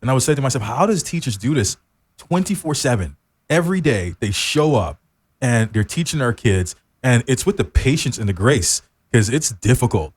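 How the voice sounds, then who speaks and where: A talk show host chats informally with his guests in a studio radio interview, encouraging them effusively. His husky, medium-pitched voice swings widely in pitch at a normal speed, and the recording has no room sound.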